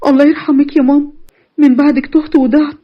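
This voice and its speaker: Woman doing a fraught young Egyptian woman, higher, fast, breathy, lo-fi. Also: little pitch movement, natural voice. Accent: Egyptian Arabic. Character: young woman, troubled elder sister with a secret.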